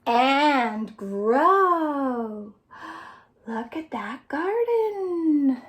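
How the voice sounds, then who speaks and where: A children's librarian runs storytime, reading aloud and singing along in a sing-song, exaggerated style for small listeners. Her high voice is very animated, with words drawn out long.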